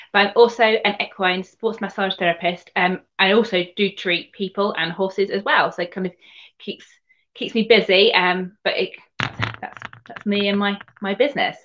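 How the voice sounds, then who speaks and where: A woman with a soft-edged lo-fi sound speaks in a home counties English accent. She tells her story as an interview guest in a conversational, rambling way, often feeling for the next phrase. Her pitch sits in the middle for a woman. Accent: southern English, home counties. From Surrey, England. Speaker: guest, equine sports massage therapist.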